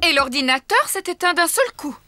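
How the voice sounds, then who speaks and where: A woman playing a calm, reassuring mother pig in a preschool cartoon, gentle and expressive. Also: very high-pitched, fairly quick, full character voice.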